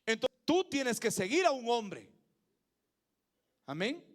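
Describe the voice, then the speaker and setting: A man with a Mexican accent preaching a sermon, emphatic, with loud peaks, low asides and questions put to the congregation. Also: big pitch swings, takes it slowly. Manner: emphatic, swings between loud peaks and low asides, asks the crowd for agreement.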